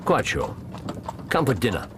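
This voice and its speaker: An actor playing a genial, loyal English gentleman doctor in a radio drama, courteous and conversational. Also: lowish voice, wildly swooping pitch, moderate pace, noisy background. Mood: quietly firm. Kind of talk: British radio drama acting.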